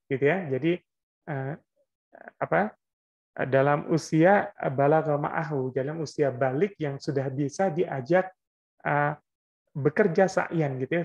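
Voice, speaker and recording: A man's voice: on the high side, a little mellow, muffled recording. Man giving a casual religious parenting talk. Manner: explanatory, conversational, tags lines with "gitu ya". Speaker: Islamic parenting teacher. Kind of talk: Islamic parenting lecture.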